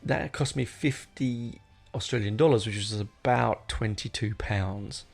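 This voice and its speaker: Over soft background music, a middle-aged podcast host talks in a mid-range, creaky voice at a slightly slow pace. His unscripted, casual style rambles, drifts into tangents, and keeps correcting itself.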